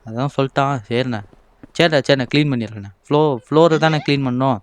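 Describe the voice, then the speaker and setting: A young man, commenting on a horror game in a playful, exasperated way and voicing the game's characters. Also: quick pace. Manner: playful, exasperated, switches to shrill panic when scared. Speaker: gameplay commentator.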